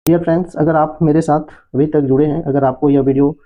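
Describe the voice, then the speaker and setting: A man's voice: on the high side, steady tone, fast. A man hosting an English lesson for beginners, explaining spelling and pronunciation patiently and repeating checks with his listeners. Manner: patient, repetitive explaining with frequent "है ना". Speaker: English teacher, channel host. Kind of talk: Hindi-language English lesson. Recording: tinny phone-like audio.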